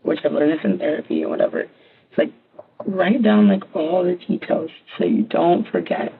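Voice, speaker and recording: A woman giving a halting, rambling statement in a police interview, recorded on a tinny line. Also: on the low side, gravelly, a little hiss or hum. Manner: halting, rambling, filler-heavy.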